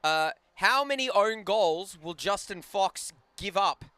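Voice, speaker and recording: A man's voice: high voice, expressive, slow, pushed and bright, clean tone, dry recording. A man doing joking play-by-play commentary on a live hockey stream, bantering and laughing with his co-host. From Australia. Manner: chatty, banters and laughs often.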